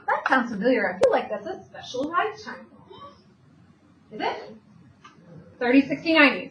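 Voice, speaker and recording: A woman with a high voice teaches math, going step by step and answering the questions she asks the class. She sounds far from the mic in a roomy space. The recording is dull, with a faint hiss behind her. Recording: distant, dull, echoey room with faint noise.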